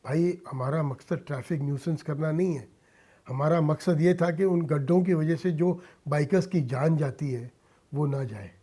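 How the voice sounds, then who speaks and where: Husky and mellow, this middle-aged Indian man's voice sits a little high and moves at a moderate pace. A businessman and social worker, he is a guest on a radio interview in the studio, speaking earnestly and using occasional English phrases.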